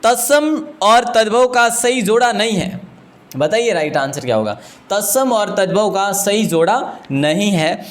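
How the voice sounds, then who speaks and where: A man's voice: high voice, expressive, a little slow. A man with a Rajasthani Hindi accent teaching a live online exam-prep class, chatty and joking as he talks to his students. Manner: chatty and joking, often addresses students as friends.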